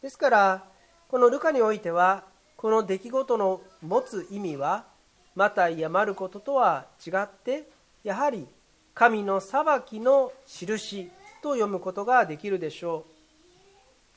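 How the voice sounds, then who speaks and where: A pastor delivering a sermon in a measured, formal way, with occasional short fillers. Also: mid-range voice, animated.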